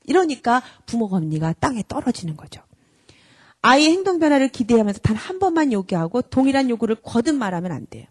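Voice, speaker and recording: A woman who runs a character school gives parents an earnest, direct lecture, acting out scolding parents with lively mimicry along the way. Her voice is a little high and quick, with no room sound.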